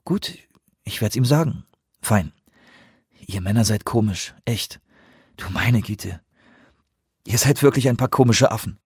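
A man voicing a spirited young woman in a German audiobook reading, teasing and quick. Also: fairly low pitch, a little mellow, slightly rough, dry recording, clean studio sound, heavily acted.

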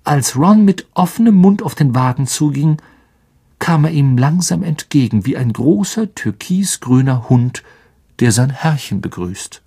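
A man narrating a fantasy audiobook in a hushed, suspenseful storytelling manner. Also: mid-range voice, animated, a little slow, slightly rough.

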